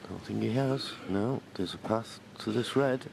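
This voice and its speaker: A man giving low-key, analytical snooker commentary as play goes on. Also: moderate pace, creaky. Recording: faint arena background noise.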